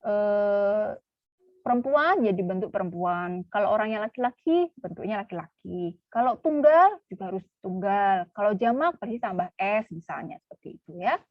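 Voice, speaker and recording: A woman's voice: medium pitch, lively intonation, moderate pace, no echo, lo-fi sound. A woman teaching a class, patiently repeating words and quizzing her students. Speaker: French teacher. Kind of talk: online class lesson.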